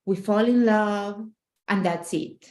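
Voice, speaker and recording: A middle-aged Argentine woman, a relationship coach, talks earnestly and emphatically in a casual interview, often restarting her phrases. Her voice is medium-pitched and a little mellow, and she speaks slowly.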